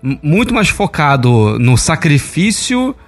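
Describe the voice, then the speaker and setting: A man's voice: a little high, sing-song. Hesitant man in a podcast. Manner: hesitant, pauses with fillers. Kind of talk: casual discussion.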